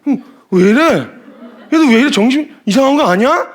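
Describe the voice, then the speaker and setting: A man's voice: very high voice, lively intonation, fairly quick. A man playing a baffled first-time churchgoer. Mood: baffled, incredulous. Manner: exasperated, incredulous outbursts.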